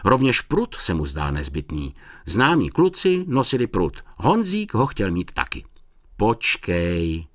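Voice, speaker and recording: A man's voice: mid-range voice, huge pitch swings, dry recording, clean studio sound. A man narrating a children's storybook, reading expressively.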